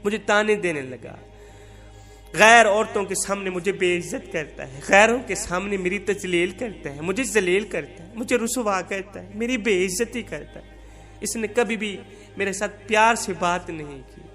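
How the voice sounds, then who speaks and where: A man's voice: high-pitched, fairly bright tone, soft background music. A man voicing a humiliated wife who tearfully pleads her case in a sermon story. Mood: pleading, sorrowful. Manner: pleading, sorrowful.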